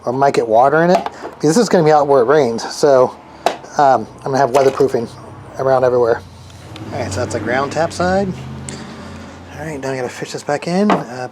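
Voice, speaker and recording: This is a male hobbyist builder explaining a task off the cuff, stopping and starting as he reasons out loud during hands-on work. He speaks at a medium pitch over a noisy background.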